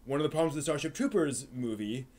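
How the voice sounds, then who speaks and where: Speaking fast in a slightly mellow, mid-range voice, a man hosting a live stream answers chat questions in a casual, meandering way, full of fillers and restarts.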